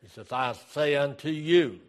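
A man preaching a sermon as pastor, reading scripture aloud and repeating key phrases in a deliberate way. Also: a little high.

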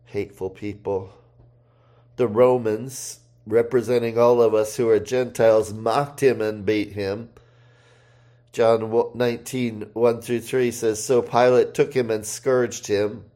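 Male preacher, mid-pitched voice, very slow deliberate sermon delivery with pauses. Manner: reads scripture aloud, rising for quoted shouts.

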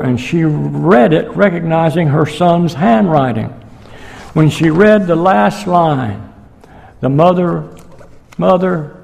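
A pastor giving a sermon, telling stories slowly and deliberately to his congregation in a church. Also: on the high side, gravelly, mellow, in a large hall. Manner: slow, deliberate storytelling.

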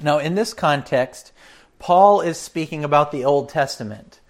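A pastor giving a catechism teaching talk, unhurried, with frequent fillers and asides to his listeners. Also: fairly high pitch.

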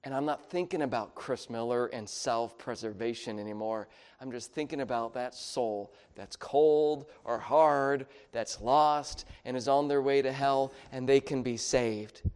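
A middle-aged pastor preaches a sermon in a conversational, storytelling style, with halting restarts, and his voice drops quiet when he turns confessional. His voice is medium-pitched and smooth.

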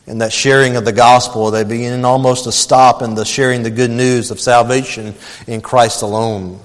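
A man's voice: mid-range voice, long reverb tail. A male pastor preaching a sermon, telling a personal story earnestly and calling his listeners beloved.

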